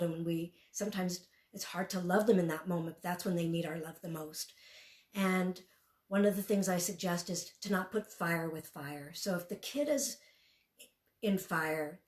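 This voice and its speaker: A woman speaking as a parenting expert, telling stories in an earnest, conversational way with many "you know" fillers. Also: medium pitch. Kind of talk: storytelling talk. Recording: roomy echo.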